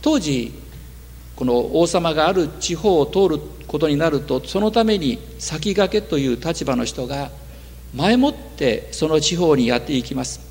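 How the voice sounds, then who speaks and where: A man preaching a sermon in a measured way, his voice dropping low at the ends of phrases. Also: lively intonation, darkish tone. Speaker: pastor. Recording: long hall reverb.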